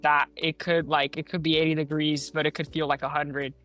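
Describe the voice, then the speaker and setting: A man's voice: on the high side, level tone, a little fast, sharp tone, soft background music. A young man in his late teens, originally from the Netherlands, answering interview questions in an earnest, casual way with many fillers. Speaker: guest.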